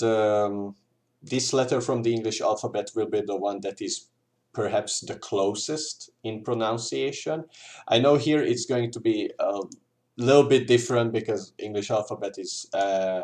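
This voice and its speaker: A native Hungarian speaker with a Hungarian accent teaches an informal language lesson as a tutor. His medium-pitched voice is a little mellow, and he explains hesitantly, repeating examples.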